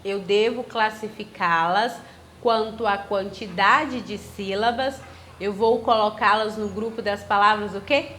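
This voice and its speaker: A woman's voice: mid-range voice, a little slow, fairly bright tone, a little hiss or hum. A woman with a Brazilian Portuguese accent teaching a grammar lesson, asking questions and answering them herself, spelling words out syllable by syllable.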